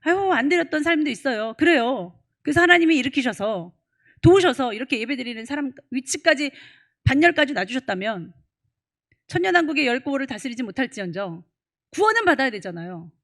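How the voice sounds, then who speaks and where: A woman's voice: high voice, sing-song, a little fast, fairly bright tone. A woman pastor preaching a sermon in a church, pressing her listeners with rhetorical questions and repeated "eh?" prompts.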